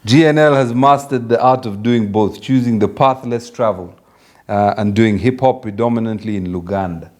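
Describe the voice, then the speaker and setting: Low-voiced talk show host. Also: male voice, normal speed, darkish tone. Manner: chatty, joking, asks questions in loose restarts. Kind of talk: casual interview hosting.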